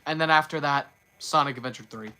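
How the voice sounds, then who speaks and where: This livestream host is a man with a slightly high voice, a little fast and pushed and bright in tone. Speaking off the cuff on a casual stream, he keeps tripping over himself, restarting sentences and repeating words.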